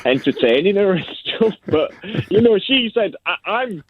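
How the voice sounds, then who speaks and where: Male Yorkshire radio show caller, high animated voice, cheerful and blunt, tinny phone sound. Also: a little slow. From Leeds, England. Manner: cheerful, blunt storytelling with acted-out quotes. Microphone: phone call. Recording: tinny narrow phone line.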